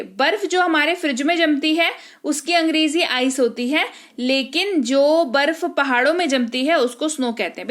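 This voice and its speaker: A woman teaching a vocabulary lesson, reading each Hindi word and then its English meaning slowly and deliberately, checking in with the learners now and then. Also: high-pitched, fairly bright tone. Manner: explains with rising checks.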